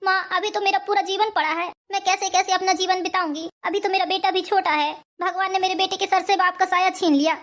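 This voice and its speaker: A woman's voice: extremely high pitch, fairly even intonation, brisk, few pauses, a bit bright. A woman playing a grieving young widow in a cartoon family drama, pleading and sorrowful.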